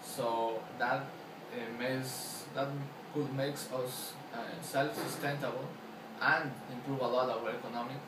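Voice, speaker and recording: A young man with an Ecuadorian accent talks through his answers in an interview, hesitating with fillers and restarting his sentences. He is heard from across an echoey room. Steady background noise sits under his voice. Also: mid-range voice. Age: young adult. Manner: halting, many fillers and restarts. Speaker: student interviewee. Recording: echoey, distant mic, noisy background.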